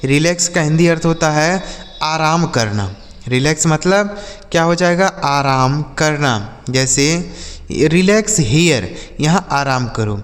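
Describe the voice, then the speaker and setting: A man teaching English words to children, spelling each word out letter by letter and repeating every example slowly. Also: on the high side, lively intonation, in a large hall. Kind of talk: vocabulary lesson for children.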